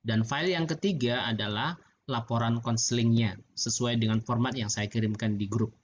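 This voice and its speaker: A middle-aged man with an Indonesian accent, a lecturer giving chatty, relaxed feedback to students over a video call. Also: medium pitch, normal speed. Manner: relaxed, chatty, laughs often. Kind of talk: online class feedback. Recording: muffled video-call audio with faint background noise.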